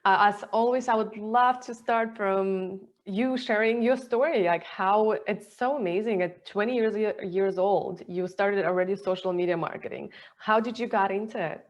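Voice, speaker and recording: A woman's voice: mid-range voice, normal speed, few pauses, highs cut off. Enthusiastic woman hosting an interview. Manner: enthusiastic, rambling questions in non-native phrasing. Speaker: podcast host.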